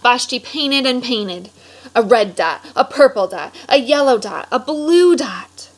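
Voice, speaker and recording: A woman's voice: on the high side, expressive, a little slow, poor audio. A woman teacher reading aloud and explaining to children, instructive and checking in with questions.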